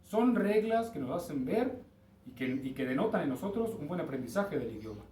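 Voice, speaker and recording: A man's voice: on the high side, very animated, moderate pace, mellow, recorded from a distance, a little hiss or hum. A man with a Mexican Spanish accent teaching an English lesson, explaining step by step and checking in with his students. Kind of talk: recorded class lesson. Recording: roomy, from off-mic with faint ambience.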